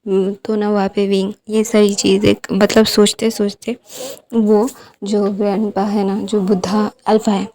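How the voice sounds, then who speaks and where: A woman casually recounts a fan story, drifting along with frequent fillers and English words mixed in. Her voice is mellow and mid-pitched. She talks like a friendly channel host chatting to her viewers. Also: level tone, unhurried.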